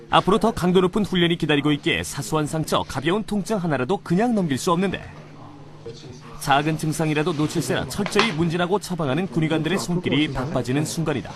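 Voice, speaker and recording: A man reading scripted narration for a military documentary. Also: a little high. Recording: music behind voice-over. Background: music.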